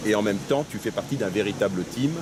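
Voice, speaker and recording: Low-voiced male interviewer, noisy outdoors. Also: fast. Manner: hesitant, many fillers and tag questions. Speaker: sports interviewer. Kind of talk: outdoor post-race interview.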